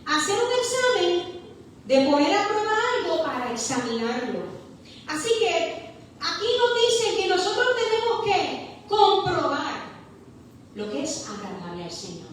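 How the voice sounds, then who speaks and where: Woman pastor preaching hard, high voice, echoey hall, mic kinda far off. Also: sing-song, slight background noise. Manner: impassioned preaching, drawn-out stressed words. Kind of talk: sermon. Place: church hall.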